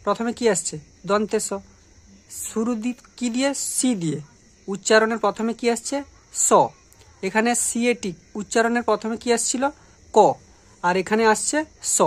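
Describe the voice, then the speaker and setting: A woman's voice: mid-range voice, darkish tone. A woman teacher explaining English letters and sounds, patiently asking questions and answering them herself. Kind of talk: grammar lesson.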